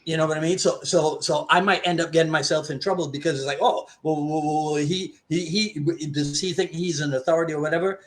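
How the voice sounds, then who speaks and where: Brisk and with hardly any pauses, a man with a slightly high voice keeps a steady tone. He's a Caribbean martial arts instructor, from Trinidad but raised in Barbados, talking thoughtfully in a casual discussion, restarting often and stressing what matters.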